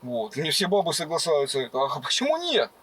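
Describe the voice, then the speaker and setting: A man's voice: on the high side, wildly swooping pitch, normal speed, a bit bright, a little hiss or hum. A man playing a brazen, boastful freeloading suitor in a prank, with slushy sh-like s sounds and cocky slang. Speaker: prankster host of a hidden-camera dating prank. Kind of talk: improvised prank dialogue. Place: inside a car.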